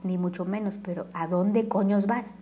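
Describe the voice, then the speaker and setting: A woman's voice: medium pitch, steady tone, normal speed, warm tone, slight background noise, close to an everyday voice. A woman voicing a blunt, slangy young gamer friend in an audiobook. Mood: urgent.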